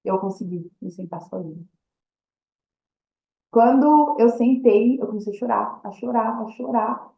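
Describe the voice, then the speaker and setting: A woman's voice: fairly high pitch, unhurried, creaky, pauses often. Woman telling her story, echoey room. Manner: storytelling that acts out quoted dialogue. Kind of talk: personal testimony. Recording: echoey room, dull lo-fi sound.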